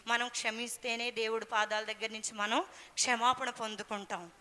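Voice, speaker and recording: High, bright-voiced woman preaching with hall reverb. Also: fairly even intonation, normal speed. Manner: storytelling, earnest and emphatic. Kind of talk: sermon.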